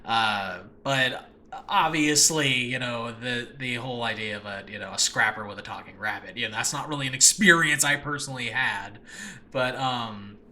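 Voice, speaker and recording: An audio drama writer and voice actor runs his casual podcast alone, eagerly improvising, wandering off topic and breaking into his own sentences. He speaks at normal speed in a mid-range, sharp voice. The makeshift space in a room of his new home leaves faint background noise.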